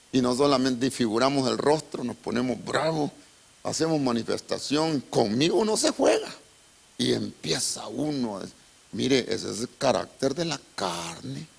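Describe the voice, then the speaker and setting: Gravelly preacher. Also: male voice, medium pitch. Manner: dramatic, storytelling, addresses the congregation as brother. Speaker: pastor. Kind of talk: sermon.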